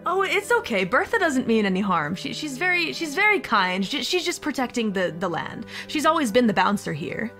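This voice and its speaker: A woman's voice: on the high side, very animated, moderate pace, hardly any pauses, sharp tone, heavily acted. A woman voicing a flustered male bar janitor who stammers and hesitates, with faint music behind. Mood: hurried.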